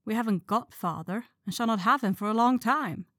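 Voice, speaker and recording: A woman's voice: fairly high pitch, brisk, a bit bright, dry recording, clean studio sound. A woman voicing a bookish, tomboyish teenage girl who grumbles and speaks her mind. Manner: grumbling, outspoken.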